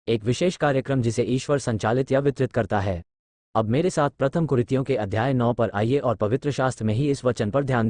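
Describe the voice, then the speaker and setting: A man's voice: medium pitch, darkish tone, no room sound, clean studio sound. A middle-aged man teaching a Bible class in a lecture, explaining words step by step and telling listeners what to write down.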